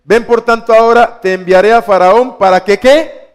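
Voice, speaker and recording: A man's voice: extremely high pitch, moderate pace, clear, resonant tone. A male preacher giving a teaching sermon, quizzing his listeners with rhetorical questions and repeating key words.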